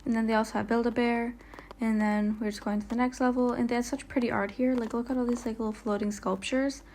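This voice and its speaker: Woman, casual vlog narrator, higher pitch, rambling and stuttery, faint background hiss. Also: fairly even intonation, quick pace, darkish tone. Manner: chatty, rambling, lots of "like" fillers; stumbles and stutters on words. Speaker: vlogger. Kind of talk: casual travel vlog voiceover. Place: voiceover, not recorded on location.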